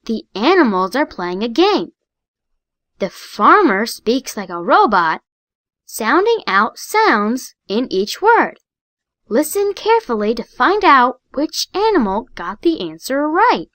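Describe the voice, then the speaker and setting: A woman's voice: a little high, very animated, slow, a bit bright, no room sound, studio quality. A woman voicing the prompts of a children's phonics app, giving cheerful praise and sounding out letters and words with care. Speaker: app narrator.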